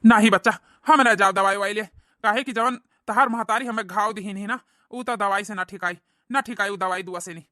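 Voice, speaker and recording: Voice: medium pitch, a little fast, sharp tone, dry recording, clean studio sound, lightly acted. A voice actor playing a self-pitying old village husband, complaining plaintively in a cartoon comedy. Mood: resigned.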